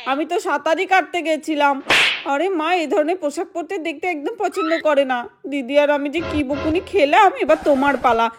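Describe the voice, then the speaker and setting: A woman's voice: sits high, fairly quick, slight background noise, close to an everyday voice. A woman voicing a playful grown-up younger sister explaining things to her husband. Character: adult woman Radha, cheerful younger sister.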